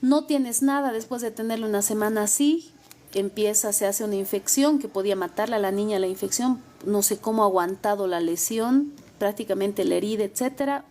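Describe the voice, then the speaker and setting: A woman's voice: medium pitch, fairly quick, mellow. A young adult woman lawyer, giving emphatic, repetitive advice. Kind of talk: advice talk.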